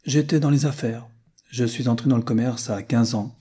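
A man's voice: medium pitch, steady tone, normal speed, warm tone, breathy edge, natural voice. A man reading aloud voices an earnest, plain-spoken rich American businessman.

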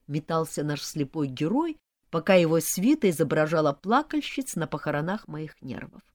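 Woman reading a funny fantasy tale, voice super lively, dry close mic. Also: low voice, dry recording. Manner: expressive, ironic storytelling. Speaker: audiobook narrator. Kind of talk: humorous fantasy narration.

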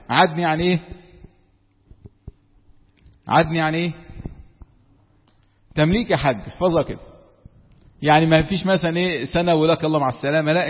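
Fast-talking Egyptian sheikh in a reverberant hall. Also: male voice, on the high side. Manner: lively and conversational, drawing out quoted verses slowly. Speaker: sheikh teaching Quran commentary. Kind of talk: religious lesson, colloquial explanation between verse quotes. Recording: dull lo-fi sound with long hall reverb.

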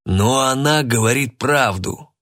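A man voicing a curt, hard-nosed police detective who speaks in a measured way. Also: mid-range voice, a bit bright, voice pushed up, lightly acted.

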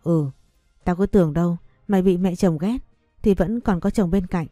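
A woman's voice: fairly low pitch, moderate pace, dark tone, no echo, soft background music, natural voice. A woman voicing a motherly older market vendor in an audio story, speaking with fussing affection. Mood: caring.

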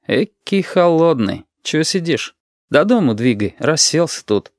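A man voicing a cheerful, fearless grown man who talks in an unhurried, good-humored way, even when threatening. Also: on the high side, no room sound, clean studio sound, voice pushed up. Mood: easygoing.

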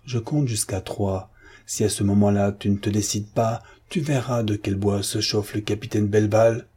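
A man reading aloud and voicing a hot-tempered young army captain who shouts threats forcefully. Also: on the low side, fairly even intonation, moderate pace, husky. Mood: menacing.

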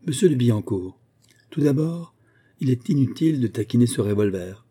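A man reading a storybook voices a suave, ironic gentleman thief who is coolly polite and menacing. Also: medium pitch, lively intonation, normal speed, breathy edge. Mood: ironic menace.

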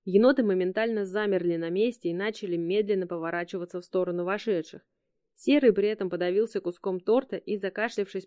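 Woman reading a story, mellow dark tone, dry close sound. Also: medium pitch, no room sound. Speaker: audiobook narrator. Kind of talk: scripted narration.

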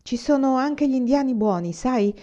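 A man's voice: very high voice, lively intonation, normal speed, dark tone, pitched above the performer's own voice. A woman reading a worried pioneer father. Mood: calm. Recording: slightly dull lo-fi recording.

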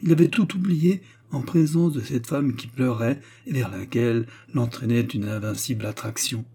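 A man narrating a classic novel as an audiobook, reading in a dramatic, expressive way. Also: medium pitch, normal speed, vocal fry, a little hiss or hum.

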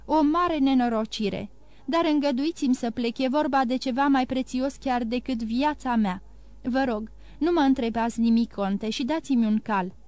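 A woman's voice: high-pitched, darkish tone, no room sound, lightly acted. A woman voicing a distraught young nobleman. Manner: urgent, pleading.

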